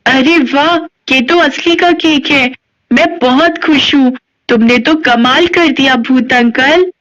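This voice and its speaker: A woman doing a brave, sweet young girl from a storybook, eager and bright. Her voice sits high and lifted. The recording is dull and lo-fi. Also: slow pace. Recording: dull lo-fi audio.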